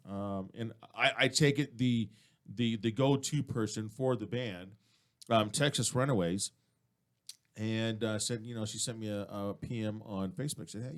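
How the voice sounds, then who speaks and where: A man hosting a radio show from a live-streamed studio, chatting loudly and excitably and swearing freely. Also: mid-range voice. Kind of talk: casual studio chat.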